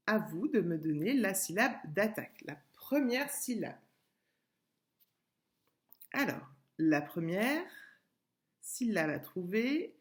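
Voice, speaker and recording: A woman schoolteacher giving a recorded lesson to young pupils, patient and clear, repeating words and sounding out syllables. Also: on the low side. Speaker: primary school teacher. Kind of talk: remote classroom lesson video.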